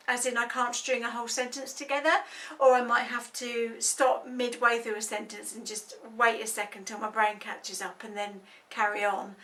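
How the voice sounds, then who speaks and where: A woman's voice: fairly high pitch, sharp tone, far from the mic. A woman giving an informal explanatory talk, conversational and full of personal examples and everyday comparisons, like a campaigner raising awareness.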